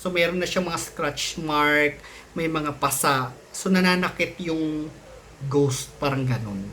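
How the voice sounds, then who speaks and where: A man's voice: on the high side, measured pace, pushed and bright, a little hiss or hum. Chatty man telling a ghost story. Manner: chatty, mixes Tagalog and English, many restarts and fillers. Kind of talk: casual storytelling to camera.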